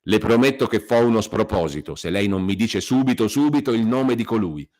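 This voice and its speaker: A man's voice: fairly low pitch, sing-song, measured pace, voice pushed up. Man doing an angry young villager. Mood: furious. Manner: forceful, demanding, threatening.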